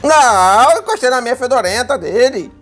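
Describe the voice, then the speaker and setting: A man with a Brazilian accent giving casual, playful gameplay commentary alongside a child, excitable and given to high-pitched whoops. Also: brisk. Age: adult. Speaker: gaming video host playing alongside a child. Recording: music behind the voice.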